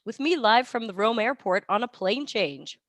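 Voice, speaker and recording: A woman's fairly high, animated voice comes at a normal speed with a fairly bright tone in a dry recording. She's sick with a cold and hosting a casual live Q&A stream from a hotel or temporary room while travelling, rambling chattily and often stopping to correct herself.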